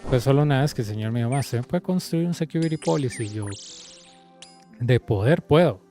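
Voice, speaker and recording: A man's voice: medium pitch, quick pace. A young man with a Costa Rican accent casually telling a work story while playing a game, acting out the people he quotes. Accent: Costa Rican Spanish. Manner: animated, acts out quoted people in conversation. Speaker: game coach streaming gameplay. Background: game music.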